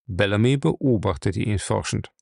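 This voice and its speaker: Gravelly male audiobook narrator. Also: on the low side, dry recording, clean studio sound. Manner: steady, measured storytelling. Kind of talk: audiobook reading.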